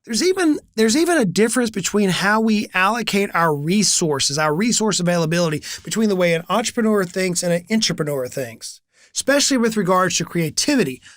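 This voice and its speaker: A man in his forties, a business coach hosting his channel, talks solo to camera with lots of animation, telling energetic stories and acting out quoted conversations. He has a high, fairly bright voice with lively intonation and a slightly fast pace. The clean studio sound carries no room sound.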